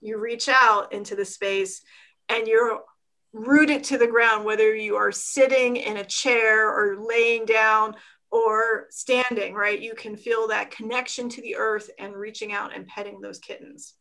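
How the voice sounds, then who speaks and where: A woman's voice: fairly high pitch, fairly even intonation, a little slow, pushed and bright, low-quality recording. A woman with a Philadelphia accent, a dance teacher and author, chatting animatedly in an interview and laughing often. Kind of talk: casual interview chat.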